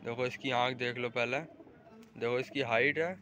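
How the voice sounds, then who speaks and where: Filming pigeons on a rooftop with a handheld phone, a young adult man gives chatty vlog narration, directing friends and calling out to his audience. His mid-range voice is bright and forceful with fairly even intonation at normal speed, and a little hiss or hum is audible.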